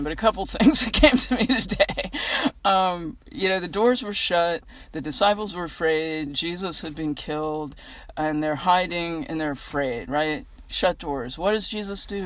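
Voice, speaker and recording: A woman's voice: fairly low pitch, no room sound. An American woman giving a casual inspirational reflection outdoors in a parking lot, talking in a chatty, earnest, conversational way. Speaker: vlogger giving a weekly inspirational message. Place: outdoors in a gym parking lot in freezing cold.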